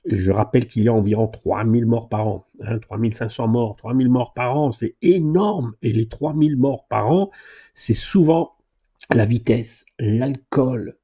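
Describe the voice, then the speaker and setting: A man's voice: medium pitch, moderate pace, warm tone, husky. A man who teaches driving, answering viewer questions live in a chatty, joking way and reading comments aloud. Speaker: driving instructor and YouTuber.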